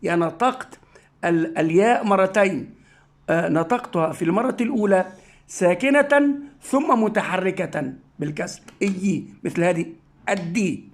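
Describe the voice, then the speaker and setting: A male teacher giving a reading lesson for children, sounding out syllables and words slowly with stretched vowels. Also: high voice. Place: Medina, Saudi Arabia school.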